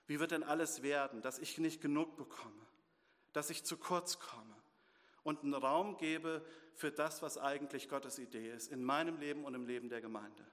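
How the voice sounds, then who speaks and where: A man delivers a sermon as pastor, firing off rhetorical questions and answering them in the same breath. His voice sits somewhat high, and the hall carries a long reverb behind him. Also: moderate pace, fairly bright tone.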